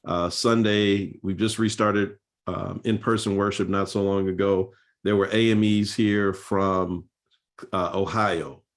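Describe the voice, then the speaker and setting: Low-voiced pastor telling church history. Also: male voice. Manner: earnest storytelling with fillers and restarts. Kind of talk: seminar talk on church history.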